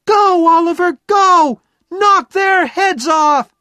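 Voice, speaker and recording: A man's voice: on the high side, animated, slow pace, no room sound, studio quality, voice pushed up. A man voicing a spirited, teasing young college woman in an audiobook reading. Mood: cheering.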